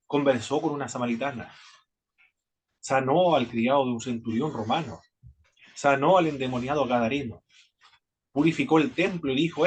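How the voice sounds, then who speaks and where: A man with a Chilean accent teaching a theology class at a Bible institute, lecturing in a halting way with frequent restarts. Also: medium pitch, a little hiss or hum. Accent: Chilean Spanish. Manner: halting, many restarts and repeated words.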